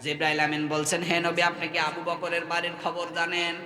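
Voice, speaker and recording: A man preaching a Bengali waz sermon with a Bangladeshi accent, telling stories with sung, chanted rises and sudden hushed drops, and calling on the crowd to respond. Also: on the high side, completely flat delivery, brisk. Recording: echoey open-air hall with long reverb.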